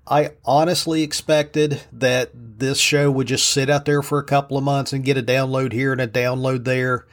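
A man with an Appalachian-style Southern US hillbilly drawl hosts a casual solo podcast, sounding humble and self-deprecating. His medium-pitched voice is flat, moderately paced, with few pauses.

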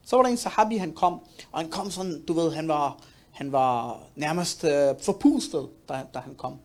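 A man speaking at a youth talk, emphatic and animated, often repeating words to drive a point home. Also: on the high side. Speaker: panel speaker.

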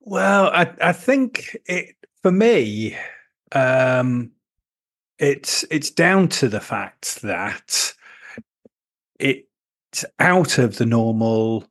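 Slow-talking Yorkshire man. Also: mid-range voice, sing-song, a bit bright, no echo. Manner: slow, rambling, jokey with many pauses. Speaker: podcast co-host. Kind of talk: casual chat.

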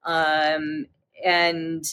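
A woman speaking as an interview guest in casual conversation, enthusiastic and quick to laugh. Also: sits low, completely flat delivery, a bit bright, clear, resonant tone.

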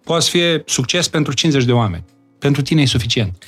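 A man speaks as an interview guest, calm and earnest, walking through his ideas with plain everyday examples. His voice sits at a middle pitch. A faint bed of music runs beneath him. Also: husky. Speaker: interview guest, disciple of spiritual masters. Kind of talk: reflective conversational interview.

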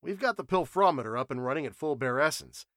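A man's voice: on the high side, animated, fast talker, fairly bright tone, dry recording, studio quality, pitched above the performer's own voice. A man voicing a worried, cautious male scientist in a storybook reading. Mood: explaining.

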